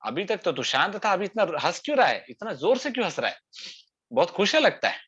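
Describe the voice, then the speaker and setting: A man's voice: high-pitched, big pitch swings, fairly quick, fairly bright tone, slightly rough, heavily acted. A man voicing a righteous king who questions a spirit in a retold scripture story. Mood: questioning. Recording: dull lo-fi sound.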